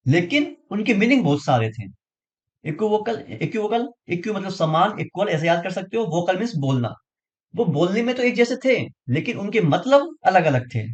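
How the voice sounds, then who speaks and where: A man teaches exam vocabulary, drilling memory tricks and checking in with his students again and again. His voice sits high and swings widely in pitch, giving the lesson a lively, animated lilt. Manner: explains with repeated memory tricks, frequent checking questions.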